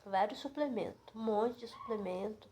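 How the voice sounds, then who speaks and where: A woman's voice: a little high, normal speed, dark tone, slight background noise. Chatty woman vlogging from home. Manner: chatty, many fillers and asides to viewers. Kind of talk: casual chat to camera.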